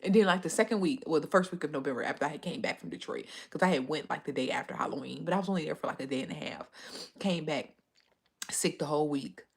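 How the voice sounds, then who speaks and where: Her low voice is fast, creaky, and slightly rough as she hosts a casual livestream, chatting away, rambling, and reading viewer comments aloud to answer them. She's a bit stuffy from a cold.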